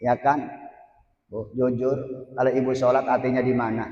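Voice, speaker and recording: A man's voice: mid-range voice, level tone, moderate pace, darkish tone, dull audio. A man teaching a religious text. He reads Arabic phrases, glosses each one in Indonesian, and puts questions to the women listening. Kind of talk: reading and translating an Arabic text in a study session. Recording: echoey hall with long reverb.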